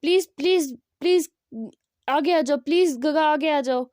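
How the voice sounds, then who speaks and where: A woman's voice: sits high, measured pace, darkish tone, no echo, clean studio sound. A woman voicing a worried young man who keeps begging and apologizing, read plainly within her storytelling. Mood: anxious pleading. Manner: begging, anxious.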